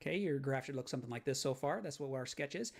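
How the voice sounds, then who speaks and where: A man's voice: mid-range voice, animated, quick pace, vocal fry. A man teaching a math lesson on video, explaining graph sketching step by step and checking in with "right?". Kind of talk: recorded lecture walkthrough.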